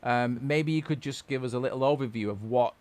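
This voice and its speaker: A man's voice: mid-range voice, brisk, darkish tone. A man hosting a casual music-production webcast over a video call, talking loosely with many restarts. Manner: chatty, loose, lots of restarts. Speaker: host and music-production trainer.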